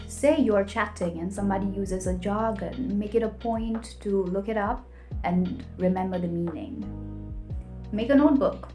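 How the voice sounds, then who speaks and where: A young woman from Nepal who speaks Nepali natively offers emphatic, tip-by-tip advice in a scripted vlog. She has a mid-range, slightly mellow voice, and the room is echoey with faint music.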